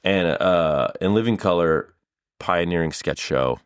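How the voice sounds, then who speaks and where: A man in his thirties, a podcast guest, with a low voice. He rambles through long casual answers and swears now and then. His voice is recorded dry, with no room sound. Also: measured pace, clean tone, no room sound. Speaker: improviser and guest.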